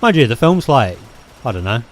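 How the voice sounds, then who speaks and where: A man's voice: medium pitch, sing-song, normal speed, a little hiss or hum. A man with a New Zealand accent, hosting a let's play and rambling hesitantly between game moments, with plenty of ums and restarts. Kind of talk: casual gameplay commentary.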